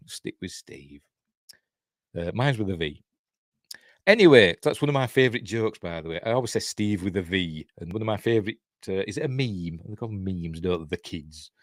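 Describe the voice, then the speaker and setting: Here the Yorkshire-accented, middle-aged channel host has a low voice captured in clean studio sound with no room noise. He runs a relaxed TV-review livestream, talkative and rambling, with asides that put himself down.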